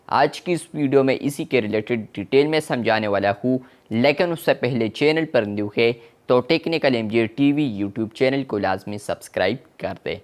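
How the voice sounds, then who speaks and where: A man presenting a tech tutorial, explaining app settings step by step and often addressing viewers as friends. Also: medium pitch. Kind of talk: screen-recorded tech tutorial.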